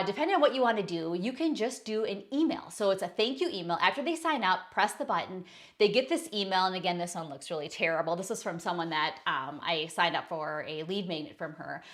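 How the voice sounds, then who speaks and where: A woman's voice: mid-range voice, fairly bright tone. Chatty woman giving a business tutorial. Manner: chatty, self-correcting, talking through slides. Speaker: online business coach. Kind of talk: casual screen-share tutorial.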